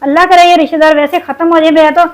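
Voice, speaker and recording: Very high-voiced woman venting while cooking. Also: level tone, rapid-fire, low-quality recording. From Pakistan. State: sore throat from shouting. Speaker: cooking vlogger. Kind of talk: casual cooking vlog chat.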